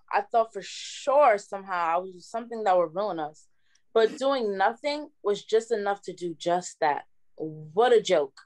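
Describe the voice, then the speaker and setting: A young woman playing a remorseful, lonely young woman who speaks in a soft, halting voice in a student play. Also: medium pitch, natural voice. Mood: bitter. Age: young adult. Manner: soft, halting, self-critical.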